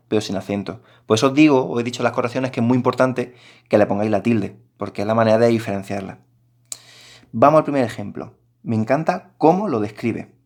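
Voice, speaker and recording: A man's voice: medium pitch, a little mellow. A man teaching a recorded grammar lesson, explaining patiently and addressing his students directly.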